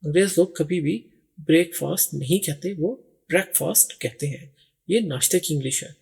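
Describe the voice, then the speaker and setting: A male English teacher, speaking in a slightly higher register. His voice is gravelly and quite raspy. He walks patiently through each exercise and reads the English phrases slowly and deliberately. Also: a little mellow. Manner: patient, step-by-step explaining. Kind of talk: explaining grammar exercises.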